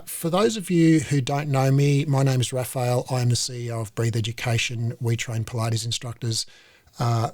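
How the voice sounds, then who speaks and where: A man, a company CEO, hosting a live online webinar in a relaxed, conversational way, with fillers and restarts, over a video call. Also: medium pitch, dry recording.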